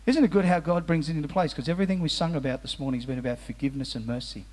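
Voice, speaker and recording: A man preaching a sermon in a church hall, earnest and restarting his phrases, slowing and softening on solemn lines. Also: a little high. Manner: drops to slow, soft tones on solemn phrases. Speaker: pastor. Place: church hall with musicians present.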